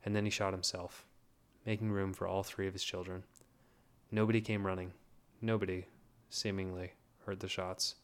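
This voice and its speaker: A man reading a story aloud in a measured, plain way. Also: deep voice, flat delivery, smooth. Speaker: narrator.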